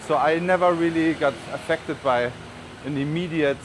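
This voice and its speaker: Walking through city streets, this vlogger from Germany chats and rambles in a German accent, tossing in casual asides. He speaks at normal speed with a fairly high pitch, while traffic and urban ambience run underneath.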